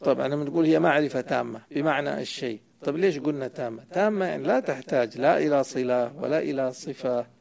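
A man's voice: mid-range voice, fast talker, vocal fry, few pauses, a little mellow. A man explaining a grammar poem to a student, quizzing and correcting him as he goes. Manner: asks the student questions and corrects answers. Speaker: sheikh teaching Arabic grammar.

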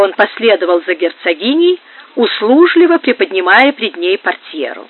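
An audiobook narrator giving a measured, even reading of a historical novel. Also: mid-range voice. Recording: phone-like narrow band.

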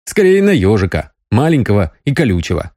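A man voicing a calm, dry-humoured man who gently teases the woman he loves. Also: fairly low pitch, a little fast, no room sound, full character voice. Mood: wry, tender. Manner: wry, calm, understated.

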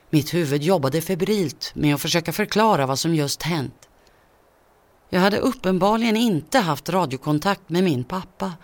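A man tells a creepy first-person story as scripted narration. His delivery is tense and measured, in a voice that sits a little high for a man.

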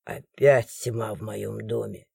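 A woman's voice: a bass voice, steady tone, slow pace, vocal fry, darkish tone, husky, dry recording, voice pushed down, full character voice. A tired, exasperated guardian who sighs before he gives in, his voice dropped well below the reader's own, as a woman plays him. The audiobook voice sounds dry and close. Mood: alarmed. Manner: exasperated, sighing. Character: weary exasperated male guardian, adult. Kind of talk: audiobook character voice.

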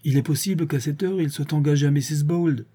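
A man voicing a sharp-tongued young woman who speaks in a brisk, firm, reasoning way. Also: on the high side, slightly rough, pitched above the performer's own voice.

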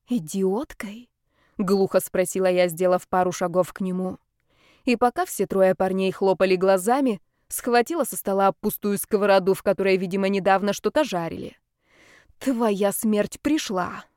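A woman's voice: mid-range voice, moderate pace, darkish tone, clear, resonant tone, dry recording. Woman narrating an audiobook, dry and close. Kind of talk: first-person audiobook narration.

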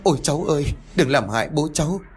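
A man's voice: mid-range voice, expressive, moderate pace, pitched above the performer's own voice, natural voice. A man voicing a frightened elderly grandmother who begs and cries out in panic, with faint music behind. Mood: pleading. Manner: pleading, panicky.

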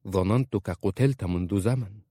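A man voicing a proud, sharp-tongued young Bedouin woman who answers with bitter, cutting retorts in a storybook reading. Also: on the low side, moderate pace, husky, dry recording, studio quality. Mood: cold.

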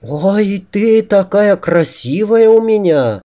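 A male audiobook narrator voicing a lively, fussy young woman who scolds and teases. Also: high voice, slow, pitched above the performer's own voice. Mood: doting. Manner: teasing, fussing, scolding. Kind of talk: audiobook character voice.

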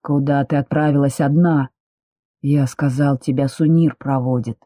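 A woman reader gives voice to a tense, commanding man in a dramatized novel. His lines come out curt and clipped. The tone is very dark and breathy, with a dry, close sound. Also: medium pitch, steady tone, normal speed, no echo, close to an everyday voice. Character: tense stern man, the heroine's beloved.

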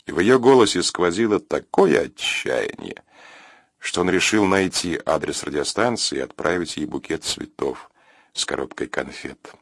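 A man reading an audiobook in an expressive, wry narration. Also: low voice, vocal fry, no echo, clean studio sound. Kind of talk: scripted narration.

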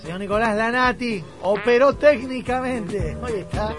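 A man's voice: very high voice, moderate pace. A man with a Rioplatense Argentine accent, hosting a radio show with casual talk and commentary. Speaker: radio host. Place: radio studio. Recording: music behind the voice.

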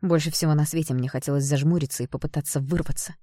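Mellow-voiced woman narrating an audiobook. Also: low-pitched, quick pace, no room sound, clean studio sound. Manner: expressive storytelling. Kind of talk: first-person audiobook narration.

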